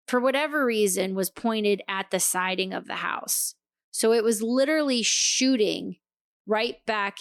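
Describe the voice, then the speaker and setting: A woman co-hosting a podcast tells a story in loose, casual chat. She is animated and swears freely, acting out the lines of the people in it. Her voice sits at an ordinary pitch, close on the mic in a dry room. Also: clean tone, dry recording. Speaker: podcast co-host.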